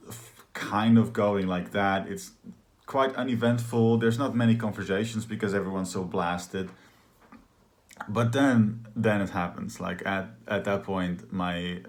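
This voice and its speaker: A man's voice: on the low side, fairly even intonation, unhurried. Rambling, candid man telling a story. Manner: rambling, heavy use of filler words; candid and confessional. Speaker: trauma healing practitioner. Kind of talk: casual personal storytelling.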